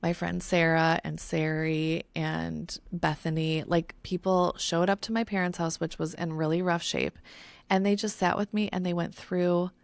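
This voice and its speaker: A woman's voice: fairly low pitch, little pitch movement, normal speed, vocal fry, no room sound. A woman co-hosting a podcast in casual chat. She talks candidly, swears freely and is close to tears. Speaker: podcast co-host.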